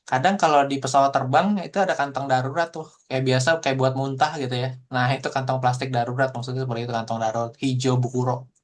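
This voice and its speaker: A man teaching a Japanese language class online, explaining in a relaxed, chatty way full of fillers. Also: medium pitch, fast. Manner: explains in relaxed casual Indonesian with frequent fillers.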